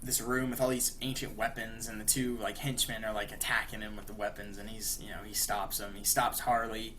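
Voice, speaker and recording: A man's voice: on the low side, level tone, a little fast, sharp tone, slight background noise. A young man co-hosting a podcast, casually retelling a cartoon episode in a rambling way, full of fillers and "like". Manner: rambling, many fillers and 'like'. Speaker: podcast co-host.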